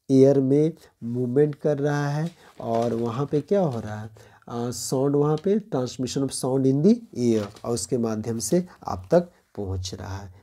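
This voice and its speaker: A man from India teaching an exam-prep phonetics lesson, explaining step by step, reading English lines slowly with an Indian accent and checking in by asking "clear?". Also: medium pitch, warm tone.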